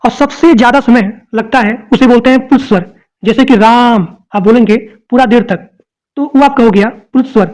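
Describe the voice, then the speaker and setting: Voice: medium pitch, fairly quick, a little mellow, poor audio. A teacher giving an exam-prep lecture, explaining each point and repeating it while speaking directly to the students.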